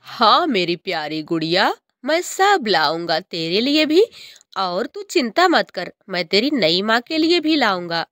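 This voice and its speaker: A woman voicing a kind father bird in a cartoon story, speaking gently and reassuringly. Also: mid-range voice, big pitch swings, measured pace, no echo, studio quality. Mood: tender. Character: kind, loving adult male father bird.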